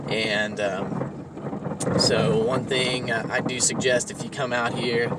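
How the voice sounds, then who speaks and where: A man vlogging his travels, talking slowly with many ums and uhs, filming on his phone. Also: mid-range voice, little pitch movement, far from the mic. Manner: slow, filler-heavy talk with many ums and uhs; hushed, quiet voice while walking the dunes. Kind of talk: casual travel vlog narration. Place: in a car, then outdoors on open dunes. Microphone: phone camera. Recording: loud background noise from vehicle and wind.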